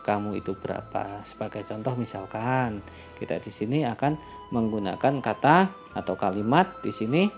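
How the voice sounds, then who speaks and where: Gravelly-voiced male teacher, lo-fi. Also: fairly low pitch. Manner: calm and explanatory, switching into slow, lifted voice for English example phrases. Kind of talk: classroom lesson explaining English phrases. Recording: lo-fi recording with faint music.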